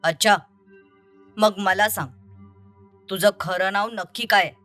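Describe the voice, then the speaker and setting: A woman voicing an angry young man who confronts his deceitful ex-lover in an audio story, over soft music. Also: medium pitch, fairly even intonation, slow pace. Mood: accusing. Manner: accusing, bitter and confrontational.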